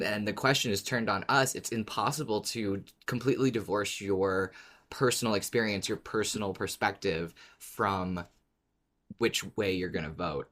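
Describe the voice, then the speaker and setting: A man with a lowish, fairly bright voice co-hosts a podcast, talking casually and thoughtfully while circling back over what he's said.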